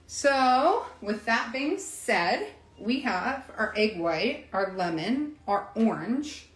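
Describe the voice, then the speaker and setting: A woman's voice: fairly high pitch, sing-song, slow pace, slight background noise. A woman hosting a casual live cocktail demonstration, chatting straight to her viewers with lots of asides. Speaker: cocktail demo host. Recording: echoey room with faint clatter.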